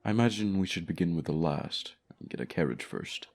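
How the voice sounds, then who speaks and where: For a fantasy ASMR roleplay, a man with a low, slightly mellow voice and lively intonation speaks a little fast as a haughty male dragon who keeps a human pet. He's stern and commanding, talking formally with pompous condescension.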